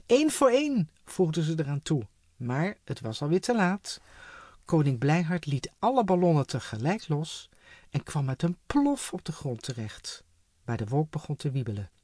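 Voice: medium pitch, expressive, moderate pace, mellow, dry recording, clean studio sound. A reader narrating a children's storybook expressively, giving each character a voice.

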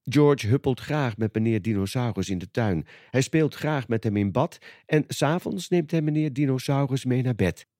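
A man reading a children's storybook aloud in a calm, expressive read-aloud manner. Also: mid-range voice, moderate pace, no echo, clean studio sound. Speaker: storybook reader.

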